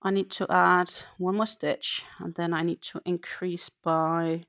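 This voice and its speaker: Her voice is lowish and fairly bright, with little pitch movement, an unhurried pace and some vocal fry. She's a thirtysomething from Denmark hosting a crochet live stream from her home in the Netherlands, chatting casually while counting stitches aloud. The sound is dull lo-fi live-stream audio.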